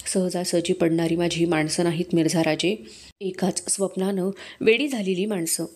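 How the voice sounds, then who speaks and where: A woman's voice: lowish voice, steady tone, normal speed, a little mellow, lightly acted. A woman reading aloud, voicing a proud, commanding male king from a historical novel with firm, dignified speech. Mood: grieving proud.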